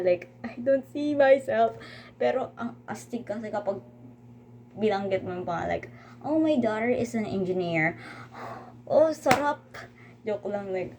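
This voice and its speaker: A woman's voice: mid-range voice, dark tone, a little hiss or hum. A teenage girl, a student, chatting casually and teasing herself, mixing in English and full of filler words. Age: teens. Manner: chatty, self-mocking, Taglish with many fillers. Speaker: student vlogger. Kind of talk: casual chat.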